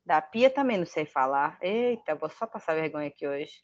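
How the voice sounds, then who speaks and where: A woman's voice: deep voice, animated, normal speed, highs cut off. A woman with a Brazilian Portuguese accent giving a casual online English lesson, chatty and thinking aloud with self-deprecating asides. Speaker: English teacher.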